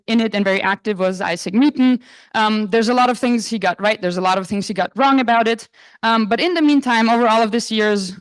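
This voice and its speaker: A young Croatian postdoc gives an astronomy lecture at a conference in a lecture hall, speaking in a relaxed, casual way with frequent fillers. Her voice is on the high side, and the recording is dry.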